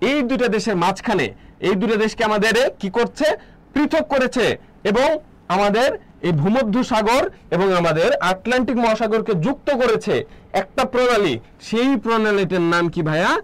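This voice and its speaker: Man, high voice, live online lecture, quizzes students and answers himself, repeats key terms. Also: moderate pace, rough recording. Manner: asks students questions and answers them himself; repeats key terms, reads out viewer comments. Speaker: admission coaching teacher.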